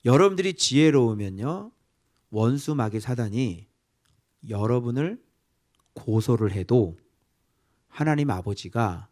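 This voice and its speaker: Preaching at an unhurried pace with long pauses, a male pastor with a medium-pitched voice stays animated throughout. He puts questions to his congregation and occasionally slips into whispered asides.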